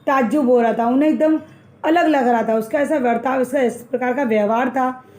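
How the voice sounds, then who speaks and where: A woman's voice: high-pitched, fairly quick, darkish tone. A woman teacher retelling a textbook story as a lesson, repeating phrases and explaining the meanings of words.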